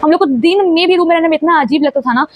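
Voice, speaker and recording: A young woman casually telling a spooky personal story, animated and repeating phrases for emphasis. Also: very high-pitched, racing, no room sound.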